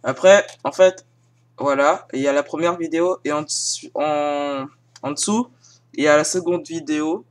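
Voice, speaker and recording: A man's voice: a little high, moderate pace. A young French-speaking man casually walking viewers through film sites, hesitant, full of fillers and self-mocking asides, filmed one-handed on a phone. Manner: hesitant, many fillers and restarts. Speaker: YouTuber showing film sites. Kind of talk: casual screen-recording tutorial. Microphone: filming with a phone held in one hand.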